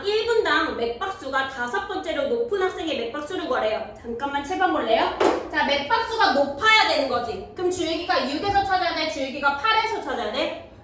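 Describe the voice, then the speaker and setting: A woman with a high voice teaches middle school math to a class, pausing again and again to ask if the students understand. Her voice rings in a very echoey classroom. The mic sits some distance away, with a faint noise underneath. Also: a bit bright. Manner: checks understanding with quick questions to students. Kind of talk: classroom lecture.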